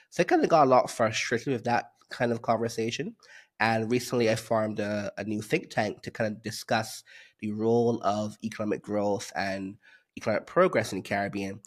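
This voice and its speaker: A man from Barbados, a guest economist on a podcast interview, explaining his views in a measured way with frequent fillers. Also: on the low side, fairly even intonation.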